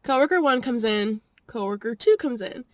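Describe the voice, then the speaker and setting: A woman's voice: a little high, expressive, normal speed, dry recording. A young woman vlogging, telling a story in a rambling, chatty way and often laughing between phrases. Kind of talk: casual storytelling vlog.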